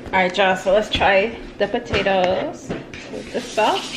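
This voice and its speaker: A young woman, a cooking vlogger, chats casually in her home kitchen as she cooks, calling her viewers "y'all." Her voice is medium-pitched and unhurried. It's captured on a tripod-mounted camera and a phone, with a noisy background.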